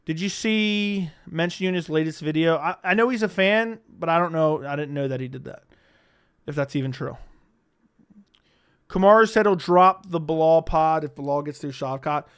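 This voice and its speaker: A young man with a smooth, clear voice that sits a little high for a man. He hosts a loose, rambling livestream, swears freely, and answers chat questions as they come. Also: moderate pace, fairly bright tone. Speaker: livestream host.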